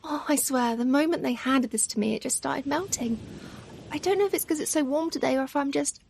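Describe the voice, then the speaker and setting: In this ASMR roleplay, the performer voices a doting, tender mother who comforts her pet and teases herself along the way, sounding flustered and amused. Her voice is high, brisk and gravelly, yet stays soft, affectionate and murmuring, at times nearly whispered. Ocean waves wash steadily in the background.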